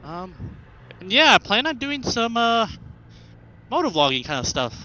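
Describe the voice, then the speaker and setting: Young American man, high-pitched voice, rambling motovlog chat, muffled inside-a-helmet mic, faint road noise. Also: big pitch swings, unhurried, bright, forceful tone. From Arkansas, United States. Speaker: motovlogger, new rider. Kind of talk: casual vlog chat while riding. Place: inside a helmet on a motorbike, outdoors. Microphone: helmet headset mic into an action camera.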